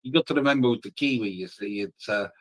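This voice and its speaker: A man's voice: on the low side, fast talker, a bit bright, slightly rough, poor audio. Joking British man with a mixed accent. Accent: mixed British, Scottish, Northern and Southern English. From United Kingdom. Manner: joking storyteller, swears freely. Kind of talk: casual chat.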